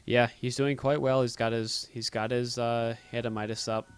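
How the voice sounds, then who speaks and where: A man with a booming voice doing live play-by-play commentary on a video game match. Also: little pitch movement, normal speed. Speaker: esports play-by-play caster.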